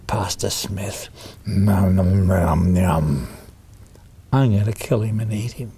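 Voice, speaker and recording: A man's voice: sits low, slow pace, gravelly, dark tone, slightly rough, voice pushed down, full character voice. A man voicing a hungry, cruel, menacing cannibal in a children's story. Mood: greedy, menacing. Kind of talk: acted quote in children's storytelling.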